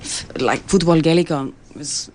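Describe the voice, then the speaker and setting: A woman with an Irish accent and English as her first language, speaking halting Spanish in an interview, searching for words and slipping into English. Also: low-pitched. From Ireland. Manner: giggly, laughs often. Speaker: interview guest, Gaelic football coach. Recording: clear steady background noise.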